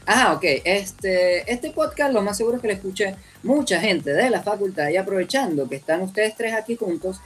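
A man's voice: high-pitched, moderate pace, few pauses, husky, soft background music. A young man with a Venezuelan accent hosting a casual podcast, telling a long anecdote and acting out the voices of people in it. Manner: animated, mimics voices in anecdotes. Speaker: podcast host. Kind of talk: casual storytelling chat.

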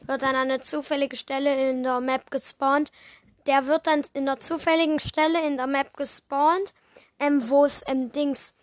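Woman, high voice, dry close sound, chatty co-host, many ums. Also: level tone, normal speed, no echo. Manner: rambling explanation with many fillers and restarts. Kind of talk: casual chat.

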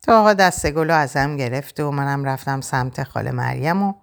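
A woman narrating a novel in the first person, in a quiet, reflective, measured way. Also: rumbling low, animated, creaky. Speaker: audiobook narrator.

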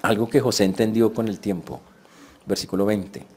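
A man's voice: on the low side, fairly even intonation, normal speed, mellow, a little hiss or hum. A man preaching a sermon, telling the story vividly and acting out the voices of the people he quotes.

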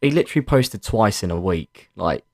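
A man co-hosting a sports podcast in relaxed, informal conversation. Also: sits low, normal speed. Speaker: podcast co-host. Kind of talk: casual sports podcast chat.

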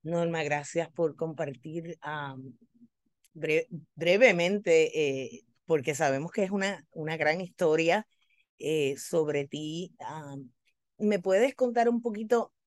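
A man hosting a podcast interview, asking questions gently with fillers. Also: a little high, slow, dry recording, clean studio sound. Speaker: podcast host.

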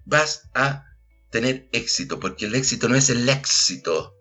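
A man's voice: medium pitch, expressive, normal speed, bright, forceful tone, soft background music. A middle-aged Chilean man, a theater actor and director, talking earnestly in an interview and often tagging his points with a questioning "ah?". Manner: earnest, keeps adding questioning tags. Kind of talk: reflective interview talk.

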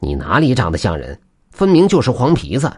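A gruff old farmer from a told folk tale speaks bluntly and plainly, as a man puts him on. His voice is husky, with lively rises and falls. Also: medium pitch, brisk, voice pushed up. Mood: scornful. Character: old male farmer, gruff then remorseful.

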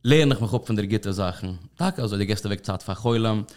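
A man's voice: lowish voice, a little fast, background noise. A man hosting a podcast in a studio, chatting loosely and rambling, with English words mixed in. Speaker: podcast host. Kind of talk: casual interview chat.

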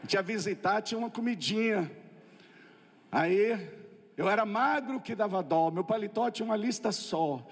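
Brazilian male preacher, high voice, comic storyteller, echoing church hall. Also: normal speed, slightly rough. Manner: lively storytelling with comic asides. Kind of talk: humorous testimony sermon.

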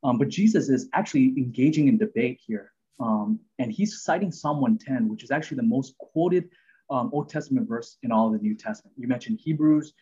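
A man's voice: mid-range voice, animated, brisk, warm tone, husky, lo-fi sound. A man hosting a podcast, talking through Bible passages in an earnest, rambling way with many fillers and restarts. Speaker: podcast host. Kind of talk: casual Bible teaching chat.

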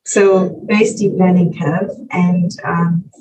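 Speaking slowly with a flat delivery and a fairly low pitch, the South African guest talks through her answers in a conversational podcast interview. She's middle-aged and works in children's ministry, and the distant mic sounds muffled with faint noise.

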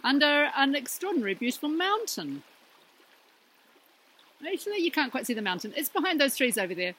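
A student presenter records an informal video reflection into her laptop's microphone outdoors in snowy woods beside a rushing mountain stream, speaking earnestly and reflectively with quotes and prayer. Her voice is high and sharp with big pitch swings. Rushing water and birds fill the background, along with a little hiss or hum.

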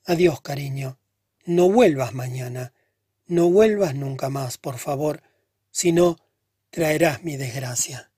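A man reading the part of a pale, troubled young woman who speaks softly and sadly. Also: sits low, measured pace, slightly rough, no echo, clean studio sound. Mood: weary. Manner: soft, subdued and hushed.

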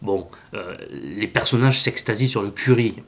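A man's voice: lowish voice, normal speed, fairly bright tone. A man hosting a podcast, reviewing books in a casual, hesitant way with frequent filler sounds. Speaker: manga podcast host.

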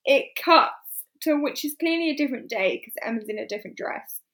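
A woman chatting casually about a film, animated, laughing often and acting out the characters' lines. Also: sits high, a little fast.

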